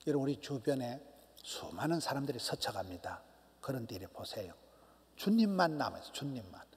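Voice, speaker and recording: A middle-aged man, a pastor, preaching a sermon emphatically, swinging from loud cries to hushed near-whispers. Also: medium pitch, creaky. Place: church sanctuary. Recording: long church hall reverb.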